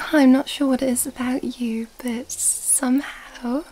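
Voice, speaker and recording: Here the elegant vampire lady of this ASMR roleplay sounds intense and enamoured, her breathy whisper pitched high but kept soft and dark. She draws out each line very slowly, teasing in formal, antiquated phrasing with an air of mystery. The recording is rough, with slight background noise.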